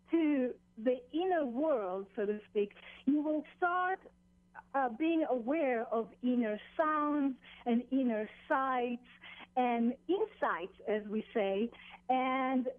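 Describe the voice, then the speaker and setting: A woman with a high voice speaks as a guest teacher over a narrow telephone line. She explains things deliberately, pausing and repeating phrases, with no room echo. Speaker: meditation teacher, phone interview guest. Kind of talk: explanatory radio interview, spiritual instruction. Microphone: phone.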